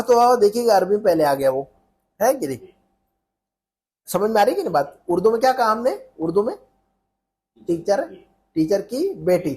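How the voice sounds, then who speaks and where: A man's voice: high-pitched, darkish tone. A man teaching an Arabic lesson in Urdu, repeating phrases and checking that students follow.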